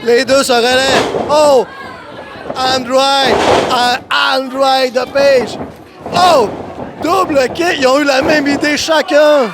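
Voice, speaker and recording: A man giving live play-by-play as a wrestling commentator, excited and exclamatory, often shouting. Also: extremely high pitch, slow. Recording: noisy crowded venue, loud crowd behind. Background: crowd and event noise.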